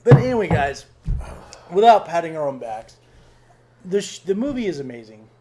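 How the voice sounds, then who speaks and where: A man's voice: fairly high pitch, very animated, moderate pace, crowd noise. A man in his late thirties co-hosting a podcast in casual, sweary banter, interjecting and repeating phrases for emphasis. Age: late 30s. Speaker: podcast co-host.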